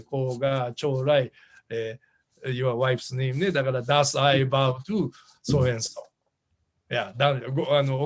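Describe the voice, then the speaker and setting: An older Buddhist minister gives a dharma talk in a fairly high voice. He gently poses questions to the congregation and now and then drops into English. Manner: sometimes slips into English phrases. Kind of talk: dharma talk at a temple service.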